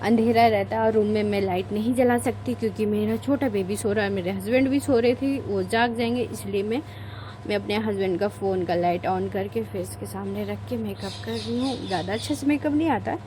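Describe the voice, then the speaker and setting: A young woman narrates getting ready in her home bedroom, her talk rambling, homely and full of mid-sentence self-corrections. She has a mid-range voice, and the low-quality recording carries slight background noise, including a child crying and shouting.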